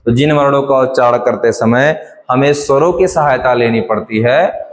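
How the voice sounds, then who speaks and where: A man's voice: mid-range voice, normal speed. A man teaching Hindi grammar in a classroom lecture, drilling definitions step by step and repeating key phrases. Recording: echoey room with long reverb.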